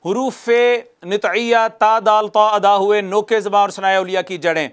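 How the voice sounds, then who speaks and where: A man with a fairly high voice teaches a recitation lesson for television. He talks patiently and repeats himself, asks the viewer questions and answers them. When he demonstrates a sound, he slows right down. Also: fairly even intonation, a bit bright, clean tone. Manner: patient, repeats key points and quizzes the viewer.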